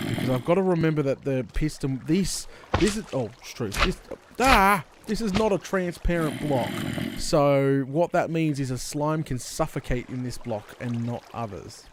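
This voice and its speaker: An Australian man hosting a gaming video in casual commentary, rambling and thinking out loud in colloquial speech. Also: medium pitch. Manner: rambling, thinking aloud, with mild colloquial swearing. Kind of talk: casual Let's Play commentary. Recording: clear background noise, game clicks and water.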